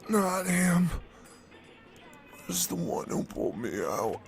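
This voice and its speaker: A man voicing a meek, dazed injured man who speaks quietly in a raised voice. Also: high-pitched, very animated, takes it slowly, soft background music, voice pushed up, heavily acted.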